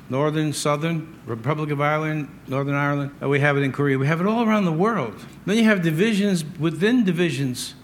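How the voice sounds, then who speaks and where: An American man from the United States preaches a sermon that is partly conversational and includes scripture readings, leaning on emphasis, repetition, and rhetorical questions. His voice is a little high and fairly bright, with some hiss or hum in the audio.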